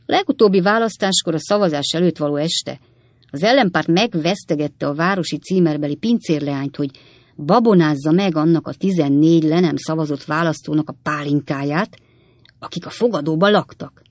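Here a reader voices Sam Weller, the witty and worldly young manservant, tossing off tall tales in wry, lively storytelling. The audiobook is recorded dry, at medium pitch, with light acting.

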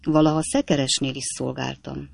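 A narrator voicing a cheerful, witty young manservant in an audiobook, chatting in a folksy, gravelly tone. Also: medium pitch, little pitch movement. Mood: lively, folksy.

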